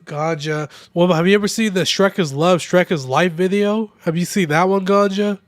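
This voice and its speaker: A young man with a somewhat high voice talks loosely and profanely while he plays, a little drunk and nursing a sore throat. The sound is dry and close, with no room echo. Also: normal speed. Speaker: streamer. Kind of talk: casual gaming livestream chat.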